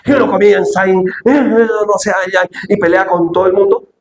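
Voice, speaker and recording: Male preacher, high voice, animated sermon, rhetorical questions, echoey room. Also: normal speed, muffled recording.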